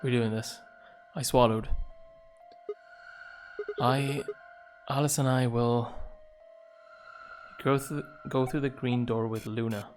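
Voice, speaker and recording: Guy streaming a game, talks his choices through out loud, cracks little jokes, mid voice, soft game music under him. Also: medium pitch, steady tone, slow pace, pauses often. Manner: thinks aloud, reasoning things through. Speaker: streamer playing a video game. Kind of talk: live gameplay commentary.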